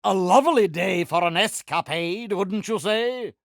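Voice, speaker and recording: A man's voice: high voice, unhurried, vocal fry, no room sound, clean studio sound. A male actor playing a vain, villainous pirate captain in a video game, speaking in a pompous, grandiloquent, theatrical manner. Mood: smug, courtly. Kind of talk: video game character voice lines.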